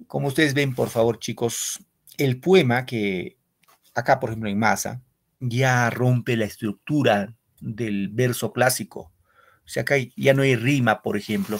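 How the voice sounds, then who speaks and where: A man with a gravelly, fry-edged voice lectures his school class over a video call. He walks through each point patiently, quizzes the students along the way and keeps checking in with a quick "no?". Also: mid-range voice. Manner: explains step by step, quizzes students, tags sentences with "¿no?". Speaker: secondary school literature teacher.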